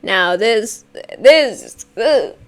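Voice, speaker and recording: A woman giving a casual, campy, sassy music video reaction, gushing and swinging between loud exclamations and hushed asides. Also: medium pitch, very animated, drawn-out words. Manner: swings from sudden loud outbursts to near-whispered asides.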